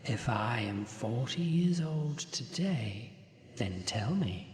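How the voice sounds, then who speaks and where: An actor voicing an ancient skull spirit in a video game, posing a riddle in a slow, measured way. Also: mid-range voice, expressive, a little mellow. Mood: solemn. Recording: echoey game audio with long reverb.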